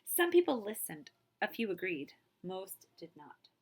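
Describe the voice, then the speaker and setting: A woman librarian reads a picture book aloud to children in a mid-range, unhurried voice. Her phrasing is expressive and emphatic, sprinkled with casual asides.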